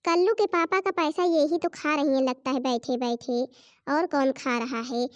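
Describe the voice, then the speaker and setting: A woman's voice: sits high, steady tone, moderate pace, no room sound, muffled recording, natural voice. A woman voicing a resentful young daughter-in-law who complains about her mother-in-law's spending. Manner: complaining, indignant.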